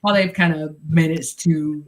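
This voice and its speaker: A middle-aged woman hosting a podcast, talking casually and reflectively with frequent pauses and fillers. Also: low voice, fairly even intonation, low-quality recording. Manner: reflective, pauses with many ums and you-knows. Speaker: podcast host. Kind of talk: casual chat.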